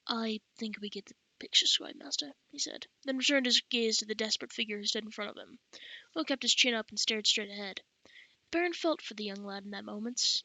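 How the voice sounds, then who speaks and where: Narrating an audiobook, this woman has a slightly high, bright and forward voice, and she fixes her own reading mistakes out loud. It's a close, dry recording without room sound, and the audio is poor.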